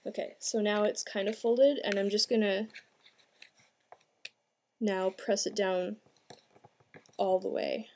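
A young adult woman who hosts craft tutorials speaks slowly and pauses often, her medium-pitched voice fairly even in intonation and a little mellow. She gives a casual, plain-spoken step-by-step demonstration indoors in a small room at home. Recorded as an amateur home video, the audio is clear with background noise.

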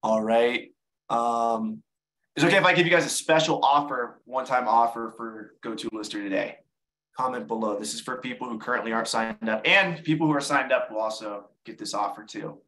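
A man's voice: medium pitch, fairly quick, bright, forceful tone, poor audio. Casual man teaching a live webinar. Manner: casual, repeats words while explaining. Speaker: online seller giving a webinar.

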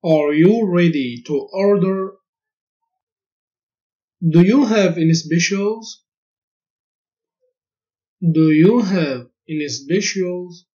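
A man teaching a language lesson, saying each short phrase twice in a clear, deliberate drill. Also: high voice, darkish tone. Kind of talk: slow repeated phrase drill. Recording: dull lo-fi recording.

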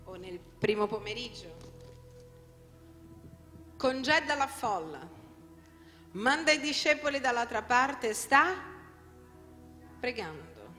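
A woman's voice: a little high, big pitch swings, slow, pauses often. A woman pastor delivering an emphatic sermon, putting rhetorical questions to her congregation. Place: church hall. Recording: long hall reverb, soft music behind.

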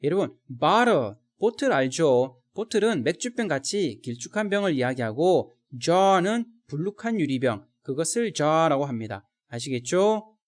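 A man teaching vocabulary in a recorded lesson, speaking straight to viewers and drilling slow example sentences. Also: on the high side, very animated.

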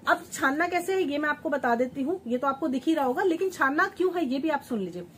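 Female beauty-tips vlogger, high voice, repeats words for emphasis, chats warmly like a sister. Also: animated, fast talker, slight background noise. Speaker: home remedy vlogger, channel host. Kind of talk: chatty beauty tips vlog. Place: at home, grinding and sieving while she talks.

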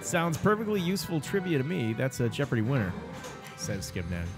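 A man's voice: mid-range voice, very animated, brisk, over music. A man hosting a live stream, reading out viewer comments and chatting in an easygoing way. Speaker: host.

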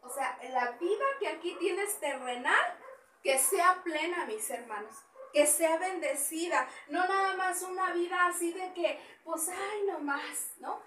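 A woman's voice: very high voice, a little slow. Lady pastor preaching, repeats herself, echoey church room, mic way off. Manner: animated preaching, repeats phrases, gestures with raised hands. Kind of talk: Spanish sermon with Bible reading. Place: small church hall indoors. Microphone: far camera, no mic. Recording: echoey room from far off with faint noise.

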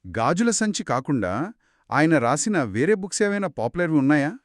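A man's voice: on the high side, very animated, moderate pace, no echo, clean studio sound. A man co-hosting a book discussion podcast, asking follow-up questions and recapping points. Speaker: podcast co-host.

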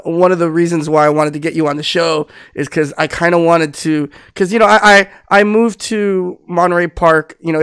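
With a fairly high, clear and resonant voice, this middle-aged podcast host, Philippine-born and raised in Southern California, conducts a rambling, casual interview over a video call, full of restarts and fillers. He wears headphones and uses a studio mic on his webcam, giving clean studio sound with no echo.

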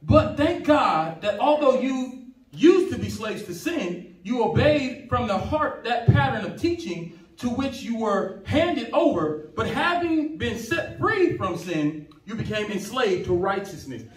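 A man's voice: very high-pitched, big pitch swings, measured pace. A male pastor preaching a sermon with impassioned, emphatic delivery, reading and explaining scripture in a church sanctuary. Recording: echoey church hall, distant mic.

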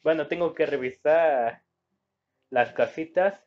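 A man with a Mexican Spanish accent talks his way through a game at an unhurried pace, drifting into asides and hunting for the right word. His voice sits a little high for a man. The sound is dull and lo-fi, as if caught on a phone. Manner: rambling, searches for words, reads game words aloud. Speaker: gameplay commentator. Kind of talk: casual gameplay commentary.

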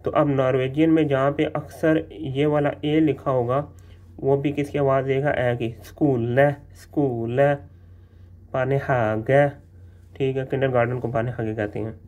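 A man teaching letter sounds in a casual spoken lesson, repeating each sound slowly and often checking in with the listener. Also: mid-range voice, little pitch movement, darkish tone. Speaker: language teacher.

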